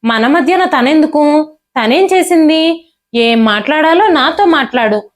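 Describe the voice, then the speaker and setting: Woman reading a young husband, heated and pleading, high voice, storybook drama. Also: lively intonation, measured pace. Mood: protective. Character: angry young husband defending his wife.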